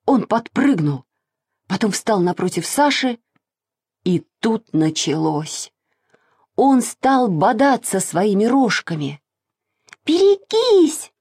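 A woman reading a children's story aloud in an expressive, sing-song way. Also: medium pitch, slow, breathy edge, dry recording, clean studio sound.

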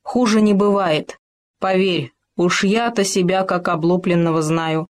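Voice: mid-range voice, fairly even intonation, unhurried, natural voice. The storyteller voicing a stubborn, blunt male hamster who prides himself on telling the truth. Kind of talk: storybook reading.

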